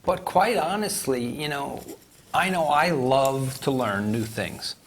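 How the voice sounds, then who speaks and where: A man's voice: mid-range voice, takes it slowly. A man in his forties co-hosting a casual talk show, steering the conversation with questions. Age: 40s. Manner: guides the talk with prompting questions. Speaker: co-host. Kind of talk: casual chat.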